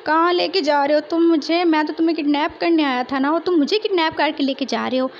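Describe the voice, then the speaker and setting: Whiny, rambling man-child played by a woman, high voice, faint noise behind. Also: fairly quick, dull audio. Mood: indignant. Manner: rambling, complaining, tearful. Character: childish chatty tall young man, whiny. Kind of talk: fan fiction storytelling.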